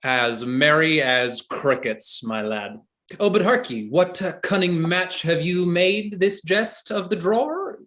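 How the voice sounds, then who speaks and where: A man's voice: a little high, lively intonation, takes it slowly, sharp tone, exaggerated voice. An actor reading a prince's merry, jesting male companion in a Shakespeare play. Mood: curious.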